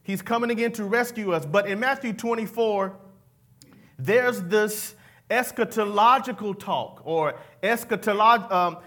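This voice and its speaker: A man preaches a sermon, pulling the congregation into call-and-response. His voice sits high and rings bright. He drops folksy asides between his lines. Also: unhurried. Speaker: pastor.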